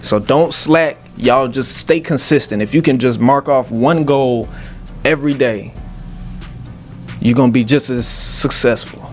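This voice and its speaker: A man hosts a relaxed, informal interview with music in the background. His voice is mid-pitched, and he talks encouragingly, often turning to address the audience at home. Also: measured pace. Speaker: interview show host. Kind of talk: casual interview chat.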